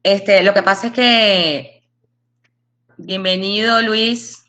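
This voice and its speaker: A woman hosting an online talk on a video call, casually welcoming people as they join, chatty and friendly with soft laughs. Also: medium pitch, slow pace. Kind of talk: casual video-call chat, greeting arriving attendees.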